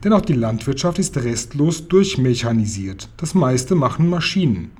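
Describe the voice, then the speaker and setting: Ein Mann, der beim Vorlesen eines Kinderbuchs eine freundliche, geduldig erklärende alte Dame spricht, mit heiserer Stimme. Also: male voice, mid-range voice, lively intonation, moderate pace, darkish tone, breathy edge. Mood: friendly explaining. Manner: friendly, patiently explaining, occasionally stern. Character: kind, calm old lady in a car. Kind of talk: reading a children's book aloud.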